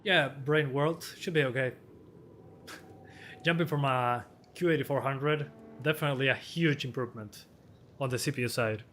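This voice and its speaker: A man in his twenties, slightly hoarse, casually answering viewer questions on a live stream as a hardware tester with quick chuckles. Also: mid-range voice, fairly bright tone, slight background noise. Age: 20s.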